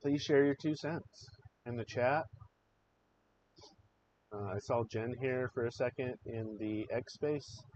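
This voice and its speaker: A man's voice: mid-range voice, takes it slowly, long pauses, darkish tone. A man hosting a live show, giving impassioned, emotional political commentary and swearing freely. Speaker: livestream show host. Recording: slightly dull audio with faint noise.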